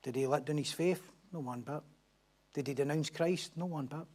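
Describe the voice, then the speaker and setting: A man's voice: fairly high pitch, normal speed, a little mellow. A middle-aged man, a pastor delivering a sermon with emphatic, repetitive lines and rhetorical questions.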